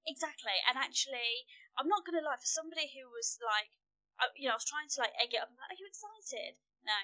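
A woman's voice: high voice, fast, bright, forceful tone, a little hiss or hum, rough recording. A middle-aged British woman hosting a podcast, chatty and erratic, jumping between topics. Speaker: podcast host. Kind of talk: casual chat.

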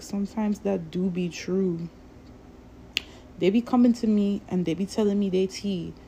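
A woman's voice: fairly low pitch, vocal fry, dark tone, slight background noise. A woman vlogger talking in a casual, profane, rambling rant to her viewers. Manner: profane, rambling, drawn-out delivery. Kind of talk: casual ranting monologue.

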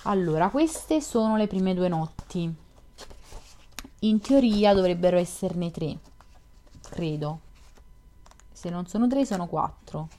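A woman with a fairly low voice reads a classic novel aloud. Her narration is calm and even, with the measured delivery of an audiobook. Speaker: reader of a novel. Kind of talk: audiobook reading.

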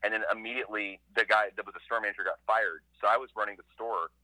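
A man from Ohio, a comic creator, telling stories as a podcast guest in a quick, animated way with lots of "like". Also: lowish voice, no room sound, poor audio. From Ohio, USA. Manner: rapid, animated, heavy use of "like". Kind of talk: casual interview storytelling.

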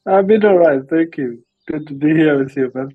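A man from Malawi, a podcast guest telling his story in an earnest, measured way, often restarting his sentences. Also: fairly high pitch, breathy edge, dry recording, narrow, tinny audio, faint music behind. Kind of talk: interview conversation.

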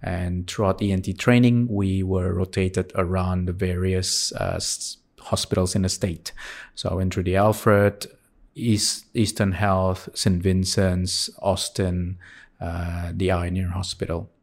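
A man in his forties who grew up in Singapore, answering interview questions as a surgeon in a thoughtful way, with frequent pauses and restarts. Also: low-pitched, little pitch movement, darkish tone. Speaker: surgeon guest.

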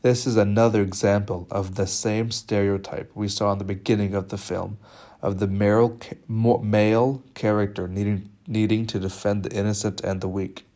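Young man, lowish voice, film analysis talk, measured and slightly halting. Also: little pitch movement, mellow. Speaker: media studies presenter.

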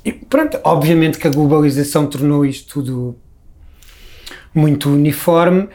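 A middle-aged man from Lisbon, with a Lisbon Portuguese accent, speaks at a moderate pace in a slightly high, dark-toned voice. As a guest in a casual conversation, he reflects and rambles, restarting his sentences often.

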